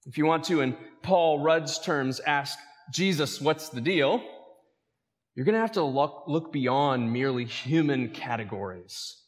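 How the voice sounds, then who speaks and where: A man's voice: fairly high pitch, unhurried, big-room sound. A male pastor preaching a sermon, calling out questions to his congregation. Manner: lively preaching with calls to the congregation.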